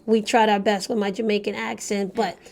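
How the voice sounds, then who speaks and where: A woman's voice: mid-range voice, flat delivery, a little fast, creaky, crowd noise. A woman co-hosting a personal finance talk show, explaining points confidently and affirming her partner with frequent agreement sounds.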